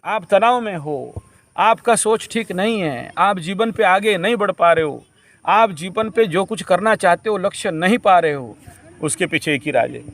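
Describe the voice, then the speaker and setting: A man with a high voice lectures a camp group. He preaches in a repetitive way and drops English phrases into his teaching. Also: fairly bright tone.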